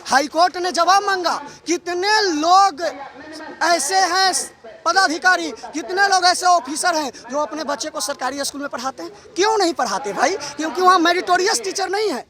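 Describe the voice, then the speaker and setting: A man's voice: extremely high pitch, animated, normal speed, sharp tone. A man protesting to the press, speaking in a fiery, accusing, declamatory way.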